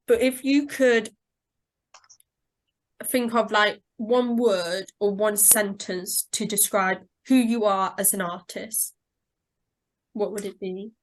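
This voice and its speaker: A woman's voice: medium pitch, fairly even intonation, slow pace, long pauses. A woman hosting a radio interview, asking friendly, chatty questions over a video call. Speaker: radio host. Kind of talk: casual interview chat.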